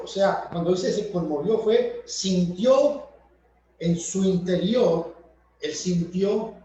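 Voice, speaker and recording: Slow high-voiced preacher in an echoey hall. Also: male voice. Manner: explanatory, repeats and rephrases points. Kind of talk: Bible study sermon. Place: church hall. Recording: echoey, distant, dull church recording.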